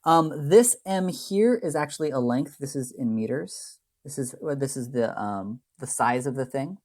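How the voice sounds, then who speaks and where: A chemistry instructor, a man with a medium-pitched, slightly mellow voice, lectures in an animated way at a moderate pace. He rambles loosely through his slides in a recorded lecture, often adding tag questions to check in and fixing his wording mid-sentence. He tends to play down the math.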